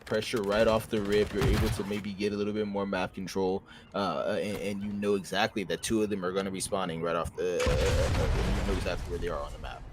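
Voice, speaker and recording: A man's voice: low-pitched, steady tone, heavy background noise. A young man giving esports color commentary who often stumbles and restarts his sentences. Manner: halting, with many fillers and restarts. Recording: loud game gunfire in the background.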